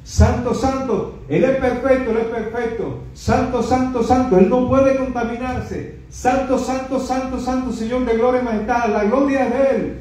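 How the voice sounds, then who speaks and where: A man's voice: very high voice, moderate pace, few pauses, a little mellow, pitched above the performer's own voice. A man voicing a chorus of awed angels, chanting and repeating praise emphatically, heard from a distance in a very echoey space. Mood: exalted. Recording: echoey, distant, dull sound.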